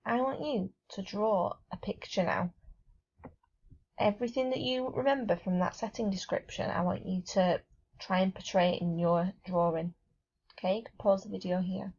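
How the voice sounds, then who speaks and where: A woman gives a recorded lesson to small children in a bright, encouraging teacher voice. Her pitch sits in the middle, and she reads aloud with lively expression. The sound is a little dull and lo-fi. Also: moderate pace, slightly rough. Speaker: primary school teacher.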